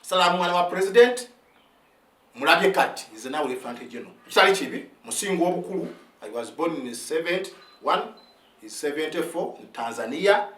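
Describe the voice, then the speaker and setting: A man in his fifties, an army sergeant and a native Luganda speaker, talks fast and high as he pours out his account, mixing in English phrases and tossing "eh?" at his listeners. His words stumble into restarts. The recording is roomy, and he sits a good distance from the microphone. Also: expressive, a bit bright. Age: 50s. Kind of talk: impassioned spoken account. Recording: roomy sound, set back from the mic.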